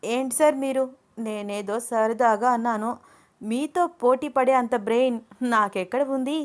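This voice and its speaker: A woman voicing a playful, cheeky young female student who pleads and teases in quick bursts. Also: fairly high pitch, pitched above the performer's own voice, close to an everyday voice. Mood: playful pleading. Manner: pleading, teasing, talks fast.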